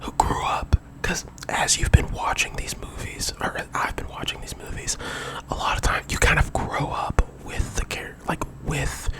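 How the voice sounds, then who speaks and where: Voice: normal speed, rough recording. A young adult whispering a casual, rambling ASMR monologue that wanders off on digressions. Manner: whispering throughout. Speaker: ASMR video creator.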